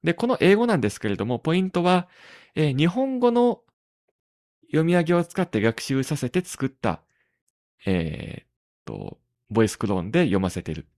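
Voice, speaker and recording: Halting man hosting a tech podcast. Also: fairly high pitch, sing-song, darkish tone, dry recording, studio quality. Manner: halting, many drawn-out fillers between phrases. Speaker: podcast host. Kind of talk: casual tech podcast talk.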